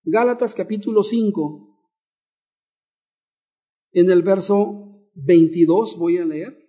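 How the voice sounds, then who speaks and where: Taking it slowly, a male pastor preaches a teaching sermon, repeating key words and putting questions to the people listening. His voice is warm and mellow instead of bright, even though it sits high for a man.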